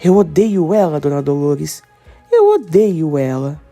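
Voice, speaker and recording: Uma mulher lendo as falas de uma esposa italiana ciumenta e amargurada. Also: female voice, low voice, sing-song, measured pace, vocal fry, mellow, faint music behind, heavily acted. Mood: jealous. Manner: jealous, bitter. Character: jealous Italian wife, resentful.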